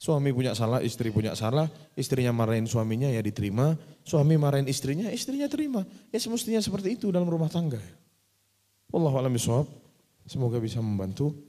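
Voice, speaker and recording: A man's voice: medium pitch, very animated, fast, mellow, long reverb tail. A man preaching as an ustadz in a religious question-and-answer session, putting direct rhetorical questions to his congregation.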